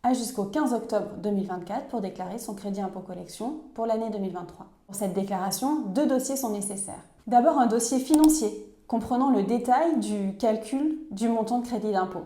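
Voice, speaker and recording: A woman reading a scripted voice-over explainer in a clear, measured, instructive way. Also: medium pitch, dark tone, roomy sound. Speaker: narrator of a tax explainer video.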